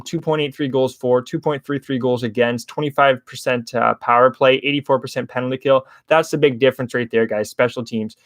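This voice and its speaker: A man's voice: medium pitch, fairly bright tone, dry recording. Young man, chatty betting show host, dry close sound. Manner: chatty, rambling, addresses chat viewers as guys. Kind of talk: casual hockey betting breakdown livestream.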